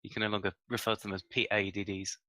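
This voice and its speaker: A man's voice: fairly low pitch, flat delivery, fast, pushed and bright, no room sound. A man giving his opinions in a casual gaming discussion as a podcast panelist.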